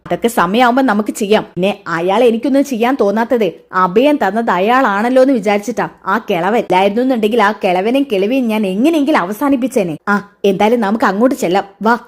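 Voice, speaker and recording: A woman's voice: medium pitch, quick pace, few pauses, lightly acted. Scheming spiteful mother, as a woman retells her. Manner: sneering, conspiratorial. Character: scheming middle-aged mother, spiteful and gloating.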